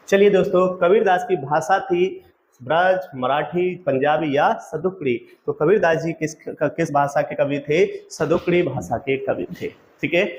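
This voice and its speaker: Man, fairly high voice, quiz-style lecture, asks then repeats answers, dull lo-fi sound, faint background hum. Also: darkish tone. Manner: calls the audience friends. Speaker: exam-prep teacher.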